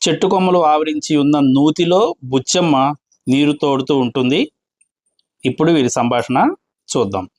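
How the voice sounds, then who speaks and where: Man reading a play aloud, fairly high voice. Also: moderate pace, long pauses, a little mellow. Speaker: storyteller.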